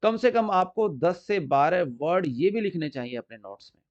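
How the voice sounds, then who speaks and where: A man teaching English spelling rules, explaining slowly and repeating examples, stressing the key words. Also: high-pitched, sing-song. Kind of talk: explanatory lesson. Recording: dull lo-fi recording.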